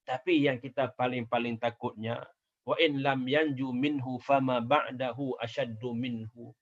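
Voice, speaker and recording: A man's voice: mid-range voice, steady tone, measured pace, dull audio. A man giving a sermon as a religious teacher, emphatic, repeating his phrases and chanting Arabic quotations.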